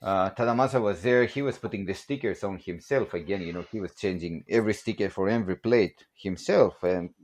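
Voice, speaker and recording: A low, darkish voice runs a little fast with few pauses as this Greek podcast guest in his forties shares casual stories. He manages production at a barbell company, speaks with a Greek accent, jokes and laughs plenty, and leans on "you know."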